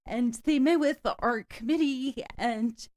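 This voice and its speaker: A woman co-chairing a climate committee, giving a chatty, eager presentation to a school board in a meeting room, apologising and filling pauses with "um". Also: high voice, a little mellow.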